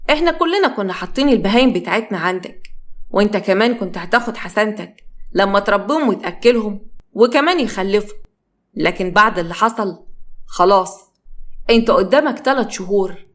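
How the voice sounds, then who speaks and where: A woman's voice: medium pitch, lively intonation, fairly quick, close to an everyday voice. A woman voicing a stern male trader demanding his money back, in an Egyptian accent. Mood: angry. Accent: Egyptian Arabic. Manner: harsh, demanding.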